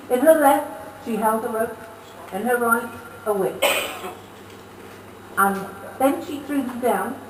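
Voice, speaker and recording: Woman reciting comic verse on a stage. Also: a little high. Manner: broad, theatrical delivery with dialect. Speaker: stage performer. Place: social club stage, amateur variety show. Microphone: distant camera mic. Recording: echoey hall from far off, faint hiss.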